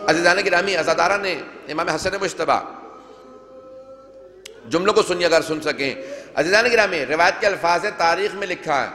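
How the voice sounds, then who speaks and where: Pausing often, the preacher gives his majlis sermon through the venue's microphone in a high, sharp-toned voice. He declaims and performs the dialogue from old narrations, and the big hall's long reverb makes the sound ring.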